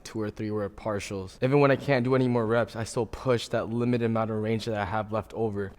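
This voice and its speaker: A young man talking casually in an informal, slangy way, vlogging his workout in a gym. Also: on the low side. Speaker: fitness vlogger. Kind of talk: casual workout vlog talk.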